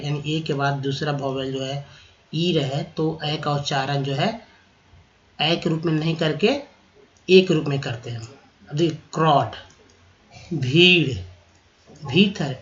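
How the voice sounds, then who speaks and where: A man's voice: on the high side, dull audio. A man teaching English vocabulary, spelling words out letter by letter and explaining pronunciation patiently. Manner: spells words letter by letter, repeats them slowly; explains pronunciation rules patiently, asks and answers own questions. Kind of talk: slow spelling-out lesson.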